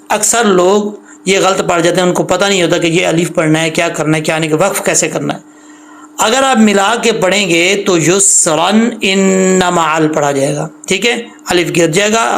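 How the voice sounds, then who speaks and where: A man teaching Quran recitation, spelling out letters and vowel marks and stretching each sound out slowly between plain explanations. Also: high-pitched, creaky, a bit bright. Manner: slow, drawn-out letter-by-letter recitation alternating with quicker explanation. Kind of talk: tajweed lesson, explaining and demonstrating recitation.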